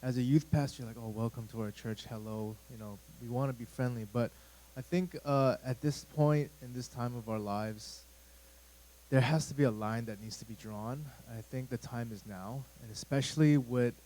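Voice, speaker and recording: A man's voice: mid-range voice, fairly even intonation, normal speed, dark tone, poor audio. A man in his thirties, a youth pastor giving a casual, rambling talk to a church youth group, full of fillers and asides. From United States. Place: church room.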